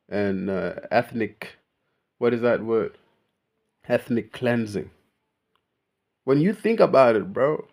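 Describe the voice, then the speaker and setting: A young male vlogger, born in Kenya and raised in Australia, rants in a casual, unscripted monologue. His voice is lowish with a darkish tone, and he talks emphatically, full of slang, constantly saying "bro."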